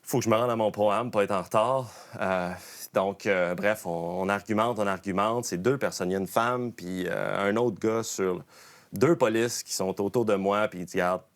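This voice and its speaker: A man's voice: on the low side, moderate pace. A man with a Quebec French accent, a professional golfer, telling a casual story as a podcast guest, often restarting and correcting himself. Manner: lively storyteller, frequent restarts and self-corrections.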